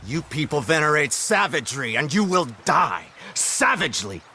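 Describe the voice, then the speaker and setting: A man's voice: on the high side, very animated, moderate pace, sharp tone, a little hiss or hum, full character voice. A scornful western lawman. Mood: cold scorn. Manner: clipped, contemptuous and threatening. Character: cold, scornful male lawman in a western game. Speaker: government agent.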